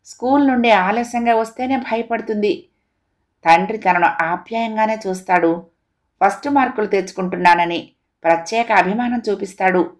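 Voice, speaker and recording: A woman storyteller reads a moral tale for children. Her delivery is steady and expressive, paced for young listeners. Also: mid-range voice, normal speed.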